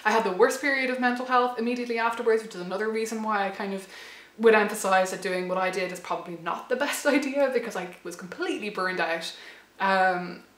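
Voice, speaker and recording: A woman's voice: fairly high pitch, fast talker, few pauses, roomy sound. A woman around thirty talking in a thoughtful, hesitant way, with many restarts, her voice a little worn. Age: late 20s to 30. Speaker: channel host. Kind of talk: reflective personal vlog.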